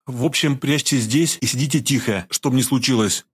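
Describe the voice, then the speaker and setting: A composed young heroine with a raised, lighter pitch, as a male audiobook narrator puts her on. She speaks in steady, firm commands and stays calm under pressure, storybook narration style. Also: normal speed, slightly rough, close to an everyday voice. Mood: firm, commanding.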